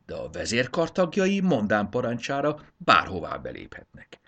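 A man reading a children's storybook aloud in an expressive, measured way. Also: medium pitch, lo-fi sound. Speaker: narrator. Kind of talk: storybook narration.

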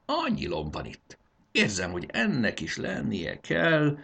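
A man's voice: a little high, wildly swooping pitch, creaky, bright, forceful tone, pitched above the performer's own voice, full character voice. A man voicing an earnest young boy who eagerly explains things.

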